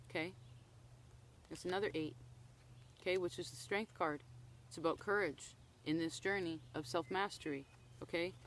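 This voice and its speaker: A woman gives a tarot reading out in the woods. Her delivery is loose and conversational, and she keeps checking in with "okay?" and "right?". Faint background noise sits under her voice. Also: lowish voice. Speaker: tarot reader. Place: outdoors in the woods.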